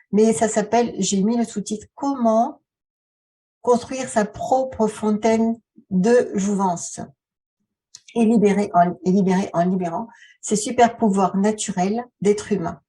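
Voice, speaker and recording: A woman talking casually to her viewers as a video host, halting and conversational, often posing rhetorical questions. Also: medium pitch, mellow, breathy edge, distant mic. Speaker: video channel host, author and relaxation therapist. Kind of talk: casual vlog talk addressed to the viewer.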